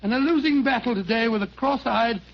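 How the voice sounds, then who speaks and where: A man's voice: very high-pitched, brisk, vocal fry. A man playing a genial, fussy older English doctor who reminisces hesitantly and repeats himself in a 1940s radio drama. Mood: genial, chatty. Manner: avuncular, hesitant, repeats phrases. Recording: dull 1940s radio recording.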